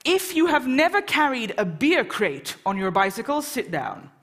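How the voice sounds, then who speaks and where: On stage at a lecture hall before a live audience, a woman from England hosts an event, joking around, chatting, and teasing the crowd. She has a high, very animated voice with a fairly bright tone, at a moderate pace.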